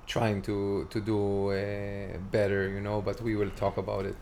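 A man in his forties with an Israeli accent, speaking in a low, gravelly voice. He talks in a halting way and fills his pauses with hesitations as he looks for words. Faint noise sits under the voice. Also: completely flat delivery, a little mellow. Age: 40s. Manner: halting, searching for words with many fillers. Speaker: guest. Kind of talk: casual interview conversation.

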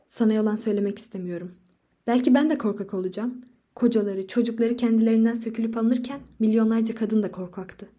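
A woman's voice: on the high side, fairly even intonation, fast, natural voice. A woman reading a fierce, desperate young wife. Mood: anguished. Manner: loud, impassioned pleading. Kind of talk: audiobook reading.

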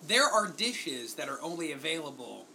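A man hosts a food tasting, teasing his guest and reacting to each bite with enthusiasm. His voice is a little high and sharply bright. A faint room hum runs underneath. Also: sing-song, moderate pace, gravelly, poor audio. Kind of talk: casual food tasting chat.

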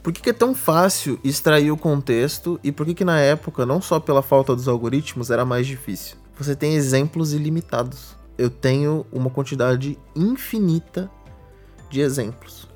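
A man's voice: on the high side, moderate pace, a little mellow, soft background music. A man with a Brazilian Portuguese accent, co-hosting a podcast and patiently explaining ideas with everyday examples. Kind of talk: casual explanatory chat.

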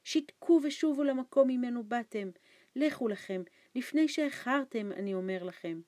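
A woman reading an audiobook, voicing a frightened, starving old man who talks in anxious, hushed pleas. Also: no echo, clean studio sound, natural voice. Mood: fearful. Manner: anxious hushed pleading, raised pitch. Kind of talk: audiobook character voice.

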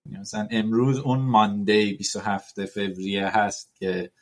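A man's voice: on the low side, flat delivery. Man musing with many fillers. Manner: thoughtful, rambling with many fillers and English loanwords. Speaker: podcast host. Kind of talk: casual podcast conversation.

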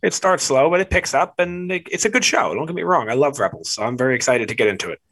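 A young man co-hosting a podcast, chatting casually and excitably, often restarting his sentences. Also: mid-range voice, fast talker. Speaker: podcast co-host.

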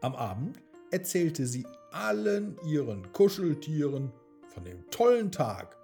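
A man tells a children's story slowly and gently. His pitch swings widely and expressively, with a mellow, warm tone, and soft music plays behind him. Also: sing-song, vocal fry. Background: soft background music.

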